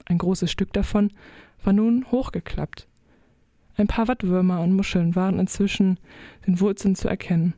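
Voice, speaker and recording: A woman reading a children's story aloud in a mellow, warm voice, gentle and expressive. She tells it in the first person as a little fish. The recording is close and dry, with no room sound. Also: medium pitch, moderate pace, no room sound. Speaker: narrator. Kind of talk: audiobook narration of a children's story.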